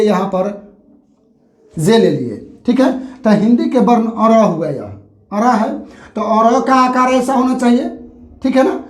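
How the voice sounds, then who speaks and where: A male teacher giving a grammar lesson at a board, explaining slowly and repeating each point with a check-in. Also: high-pitched, a little mellow. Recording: echoey room.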